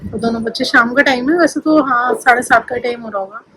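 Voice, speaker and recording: A woman's voice: on the high side, fast talker, a bit bright, slight background noise. A young woman from India narrating her family vlog in a chatty, rambling, confiding way, sleepy late at night. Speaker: vlogger.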